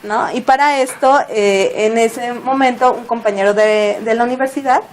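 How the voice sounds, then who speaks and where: A woman with a Mexican Spanish accent, a guest telling a story in casual chat, animated and laughing as she acts out what people said. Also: on the high side, moderate pace.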